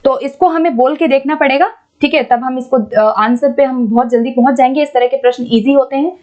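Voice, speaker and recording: A woman teaching an exam-prep lesson, patiently explaining and reading English questions out slowly. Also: high-pitched, a little mellow, muffled recording. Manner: explains patiently, repeats points, keeps checking with "ठीक है".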